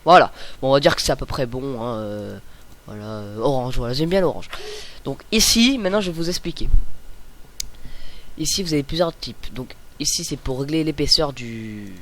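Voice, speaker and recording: A young man hosting a casual screen-recorded software tutorial, chatty and hesitant, with many fillers and self-corrections. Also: mid-range voice, expressive, moderate pace, slight background noise. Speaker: tutorial host.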